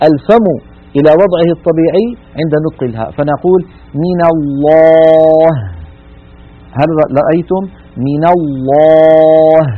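A man with a slightly high, husky voice teaches recitation rules on a broadcast lesson. He is methodical and draws out his example words slowly. The sound is thin and narrow, like an old radio feed.

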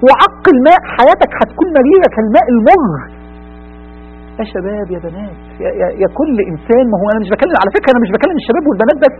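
Egyptian guy preaching super fast, goes loud then hushed, kinda lo-fi sound w a bit of hum. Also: very high voice, very animated. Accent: Egyptian Arabic. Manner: impassioned, swings from loud appeals to hushed earnest tones. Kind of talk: religious talk show sermon.

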